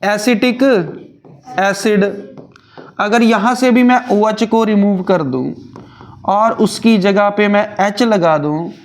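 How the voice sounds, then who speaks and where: A man's voice: sits high, slow pace. A male chemistry teacher, explaining step by step and asking and answering his own questions. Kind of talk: Hindi-English chemistry lecture.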